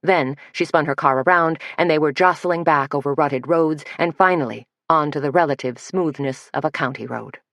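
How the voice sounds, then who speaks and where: A woman reads a mystery novel aloud, her voice low and steady. The recording is close and dry, with no room sound. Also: no echo. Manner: steady, measured reading. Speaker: audiobook narrator. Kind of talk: scripted narration.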